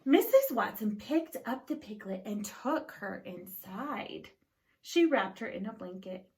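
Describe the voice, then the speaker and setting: Reading a picture book to a group of kids, a woman uses an animated, medium-pitched voice and a measured storytelling pace, pausing now and then to pose questions to them.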